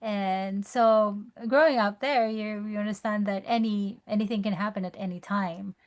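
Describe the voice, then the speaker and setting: A woman from the Philippines, the host's wife speaking off camera, talking in a measured, slightly hesitant way. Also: mid-range voice, steady tone. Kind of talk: casual call-in talk.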